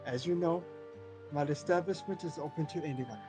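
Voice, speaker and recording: Man acting video game innkeeper, formal, courteous, storytelling, slightly high male pitch, loud music behind. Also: moderate pace, natural voice. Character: polite tavern proprietor telling patrons of a rotten bunch. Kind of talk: video game role voicing.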